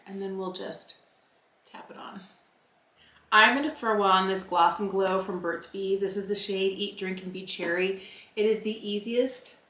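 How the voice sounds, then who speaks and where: Recorded in an echoey room, a beauty vlogger in her forties walks through her makeup routine in a mid-range, fairly bright voice. She keeps it casual, describing every step and poking fun at herself along the way.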